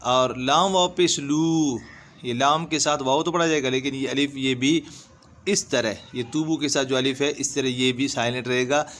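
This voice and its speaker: A man teaching Quran reading, spelling each letter and vowel sign, then drawing out the syllables in a slow, patient lesson. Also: mid-range voice, fairly even intonation, a bit bright. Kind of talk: step-by-step recitation lesson. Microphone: voice-over over screen recording.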